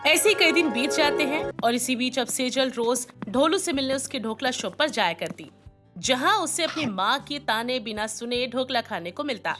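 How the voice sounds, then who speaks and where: A woman narrating an animated children's story in a steady, plain storytelling manner. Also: high-pitched, moderate pace, faint music behind.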